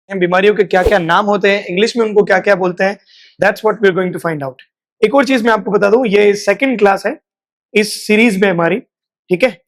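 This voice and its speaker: A man teaching in Hindi. He explains each point and then repeats the phrases slowly for drilling. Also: high-pitched. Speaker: English teacher. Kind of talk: classroom lesson.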